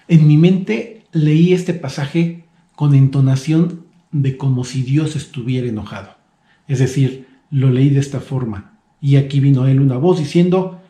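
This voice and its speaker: Earnest, mellow-voiced male preacher. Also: medium pitch, reverberant. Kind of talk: devotional sermon.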